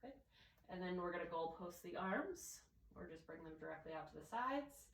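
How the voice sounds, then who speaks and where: A woman with a nasal voice from allergies, calmly guiding a yoga class step by step. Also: lowish voice, moderate pace, creaky, roomy sound, recorded from a distance, poor audio. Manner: calm, gentle step-by-step cueing. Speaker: yoga instructor. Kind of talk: guided yoga class instruction.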